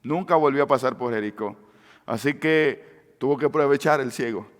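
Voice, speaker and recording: A man preaching a sermon with passion, swinging between loud cries and hushed words. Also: mid-range voice, moderate pace. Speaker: pastor. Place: church sanctuary. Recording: long church-hall reverb.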